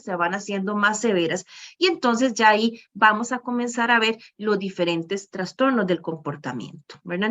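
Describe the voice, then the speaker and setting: A woman's voice: a little high, fairly bright tone. Woman lecturing, muffled audio. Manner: frequent "¿verdad?" tags and fillers. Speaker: lecturer on child behavior. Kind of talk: presentation to professionals. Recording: muffled lo-fi recording.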